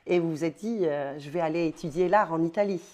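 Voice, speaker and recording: A woman interviewing a guest, asking questions haltingly with many fillers. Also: low voice, a little mellow. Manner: hesitant, many fillers, friendly.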